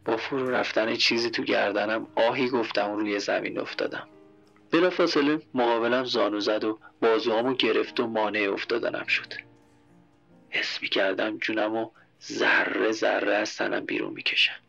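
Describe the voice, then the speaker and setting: A man tells a dramatic first-person story with intense emotion, sometimes dropping to a whisper. His voice is gravelly with a bright, forceful edge, and soft music plays behind. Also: lowish voice, steady tone, highs cut off. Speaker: narrator.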